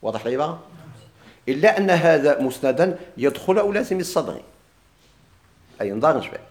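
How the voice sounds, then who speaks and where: With a sing-song lilt and a darkish tone, a Moroccan-accented man teaches grammar fast, his voice pitched a bit high. He explains things plainly and quickly but draws out quoted examples slowly, asking students questions and repeating their replies.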